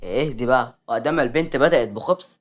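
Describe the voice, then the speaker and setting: A woman voicing a calm husband who advises his wife slyly, in an Egyptian Arabic accent. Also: rumbling low, fast.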